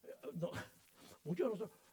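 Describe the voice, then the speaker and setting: A middle-aged male pastor preaching a sermon in church, telling stories with lively energy and acting out voices and sounds. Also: measured pace. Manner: animated storytelling, acts out voices and sounds.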